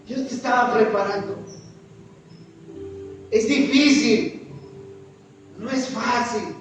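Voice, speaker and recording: A man's voice: extremely high pitch, slow, soft background music. A man with a Mexican accent preaching a sermon, pressing his listeners with repeated rhetorical questions. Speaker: pastor. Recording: echoey hall, distant mic, dull sound.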